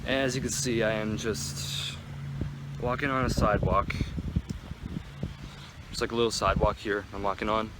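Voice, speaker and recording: Teenage male, lowish voice, casual rambling vlog chat, lots of filler words, outdoor park, noticeable background noise. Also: flat delivery, normal speed, pauses often. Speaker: vlogger.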